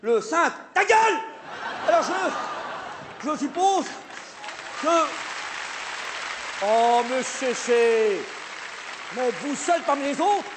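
A man playing a flustered, stammering male theatre director in a live comedy sketch, hesitating and then bursting into shouts. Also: extremely high pitch, expressive, takes it slowly, long pauses, a crowd in the background, exaggerated voice. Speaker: comic stage performer. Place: theatre stage with live audience. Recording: live stage recording, audience noise.

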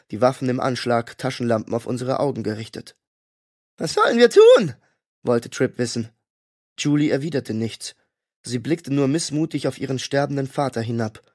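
A man reading a fantasy audiobook in a steady, measured storytelling way. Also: medium pitch, dry recording, clean studio sound. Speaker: audiobook narrator. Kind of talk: scripted narration.

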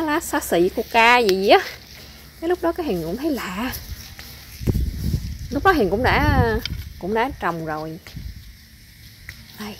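A woman's voice: on the high side, fairly bright tone, a little hiss or hum. A woman, chatting casually to viewers while picking in her garden. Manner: chatty, addresses viewers often. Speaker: vlogger, mother. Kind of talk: casual garden vlog chat. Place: outdoor home garden.

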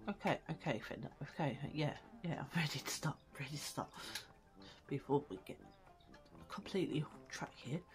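A woman's voice: sits low, expressive, normal speed, music in the background. A woman giving casual gameplay commentary, squealing with delight at cute things and muttering asides under her breath. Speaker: gaming video creator.

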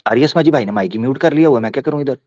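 A man's voice: mid-range voice, racing, mellow. A man from Pakistan hosting a heated online debate, combative and mocking, often talking over the others. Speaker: debate host. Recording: lo-fi call audio.

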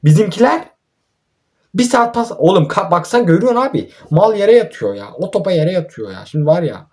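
Young man, gameplay YouTuber, slightly high voice, fed up and grumbling at his players. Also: big pitch swings, brisk, a little mellow. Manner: exasperated, ranting and swearing at his own team. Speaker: mobile football gamer and YouTuber. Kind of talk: gameplay commentary.

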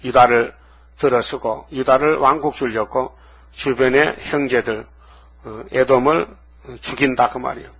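A man's voice: mid-range voice, fairly even intonation, unhurried, a bit bright, breathy edge. A middle-aged man, a pastor, preaching a dawn-service sermon and acting out the quoted lines of the Bible stories he tells.

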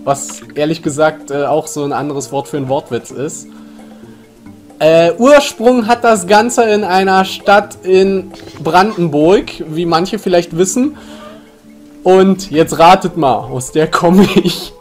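A young adult let's play streamer chats casually through a headset mic while gaming in a small indoor room, game music playing behind him. His voice is a little high and slow with lively intonation, and he puns playfully, laughs often, and shouts suddenly at the game.

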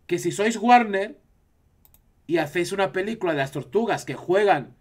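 A man's voice: high-pitched, expressive, moderate pace. A man from Spain with a Spanish accent, chatting casually on a live stream and reacting to his chat.

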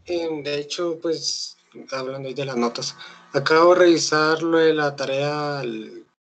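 A man's voice: on the high side, unhurried, fairly bright tone. A male student, speaking politely and a little hesitantly to his teacher on an online class call. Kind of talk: casual question to the teacher.

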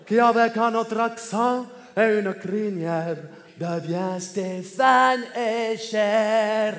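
A man performing a comedy sketch on stage, jumping between many impressions and snatches of song. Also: high-pitched. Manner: jumps between many celebrity impressions, singing bits. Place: large theatre stage. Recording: hall reverb with live audience.

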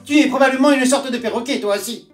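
A woman doing a shrill, indignant parrot. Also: quick pace, lightly acted. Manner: shrieking, indignant. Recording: roomy, distant mic, faint guitar.

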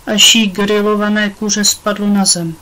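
A woman reads a children's book aloud in a mid-pitched voice. Her storytelling is expressive, as she carries the listener through each scene. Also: poor audio. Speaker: audiobook reader. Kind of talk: children's audiobook narration.

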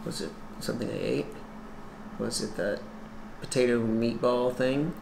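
A man in his thirties, sick and feverish, talking quietly with little energy while lying in a hotel bed. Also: fairly even intonation, unhurried, vocal fry, reverberant, noisy background. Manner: quiet, low-energy talk.

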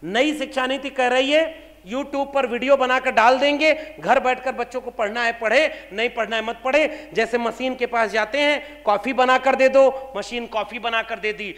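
A man's voice: very high-pitched, moderate pace, fairly bright tone. A man in his thirties from India giving an impassioned political speech to an audience, fiery and rhetorical, firing pointed questions. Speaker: speaker at a public meeting. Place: large hall before an audience. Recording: reverberant hall sound.

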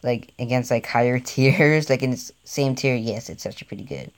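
A young man giving rambling, easily excited, jokey commentary over his own tank game session, recorded on a home mic. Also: medium pitch, a little fast. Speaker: gaming channel host.

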